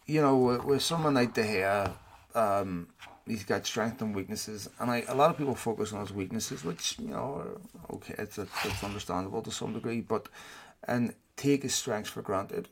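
Creaky-voiced man talking with braces. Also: fairly low pitch, animated, moderate pace, slight background noise. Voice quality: speaking with braces on his teeth. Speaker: guest football pundit on a show. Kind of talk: casual football discussion.

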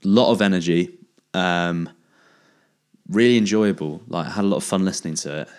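A man's voice: low-pitched, normal speed, clear, resonant tone. A man hosting a casual chat, hesitant and searching for words with many ums. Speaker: podcast host.

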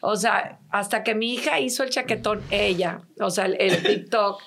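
A woman's voice: medium pitch, normal speed, creaky, fairly bright tone, slight background noise. A middle-aged woman from Monterrey with a northern Mexican accent, a guest telling stories animatedly and laughing as she acts out quotes. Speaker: guest, children's entertainer and singer. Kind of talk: casual storytelling interview.

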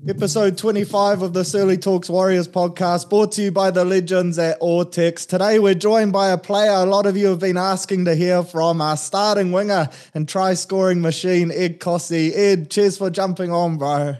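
Host: man, high voice, upbeat and chatty, casual slang. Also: fairly even intonation, moderate pace, few pauses, a little mellow, soft background music. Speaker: podcast host. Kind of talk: casual podcast interview.

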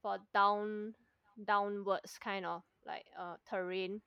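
A woman's voice: mid-range voice, flat delivery, takes it slowly, gravelly, smooth, no room sound, highs cut off. A young woman with a Singaporean accent, chatting casually in colloquial Singlish with particles at the ends of her sentences. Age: young adult. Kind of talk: casual chat.

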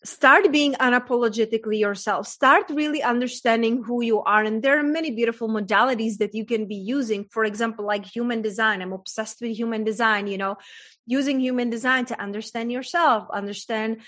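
A young woman from the Czech Republic with a Czech accent, a guest coach telling her story with animated enthusiasm in a podcast conversation. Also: a little high, a little fast, poor audio. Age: young adult.

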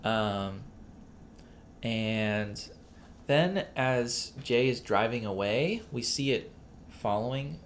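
A man's voice: medium pitch, drawn-out words, a little hiss or hum. A man co-hosting a casual podcast about a film, rambling with many fillers and restarts. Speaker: podcast co-host.

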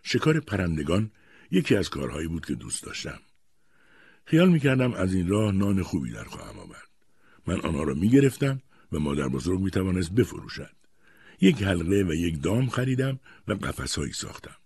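Low raspy guy reading an audiobook, expressive, dry close mic. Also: no room sound. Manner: expressive storytelling. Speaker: audiobook narrator. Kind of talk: scripted narration.

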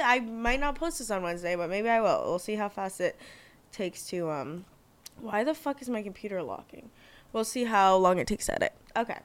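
Bubbly young woman, smooth clear voice. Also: medium pitch, fairly bright tone, no room sound. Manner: bubbly, swears freely, gushing. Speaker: podcast host. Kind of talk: casual chat.

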